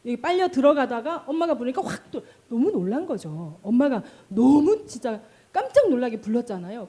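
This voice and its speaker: A middle-aged woman pastor giving a sermon, telling stories with animated delivery and asking the congregation questions. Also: high voice. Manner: animated storytelling, acting out cries and calls.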